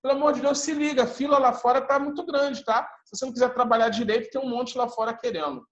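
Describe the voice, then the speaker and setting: A man voicing a rude, arrogant male boss who berates a worker in harsh, fast bursts. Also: extremely high pitch, echoey room, lo-fi sound, voice pushed up. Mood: angry berating.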